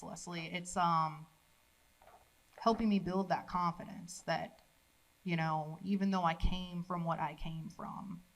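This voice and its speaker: This poor-quality clip captures a woman with a fairly low voice performing her own poetry at a college event. Her reading is declamatory and rising, broken up by offhand asides to the crowd.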